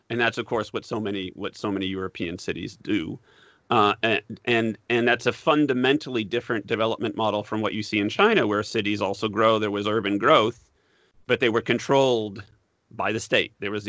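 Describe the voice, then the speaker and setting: A man, a professor being interviewed, explaining history in a measured way and repeating words as he thinks. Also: fairly low pitch, sharp tone, no room sound. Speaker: guest, political science professor. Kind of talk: academic interview.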